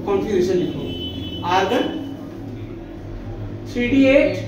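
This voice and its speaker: Speaking slowly with lively intonation, this high-voiced man teaches a chemistry class, throwing out questions he then answers on his own and calling the students "beta" with affection. Background noise and classroom echo are audible.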